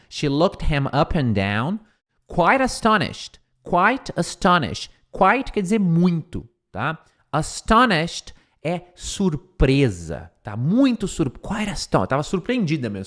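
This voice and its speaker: This mid-range male voice belongs to a Brazilian Portuguese speaker teaching English. He explains things in Portuguese and drills pronunciation by saying English words slowly, again and again.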